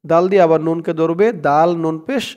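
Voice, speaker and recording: The recording is muffled, but the man's fairly high voice comes through clear, resonant and a little mellow. He has a Bangladeshi Bengali accent and teaches a prayer by spelling it letter by letter. Between quick explanations, he chants the recited words slowly and at length.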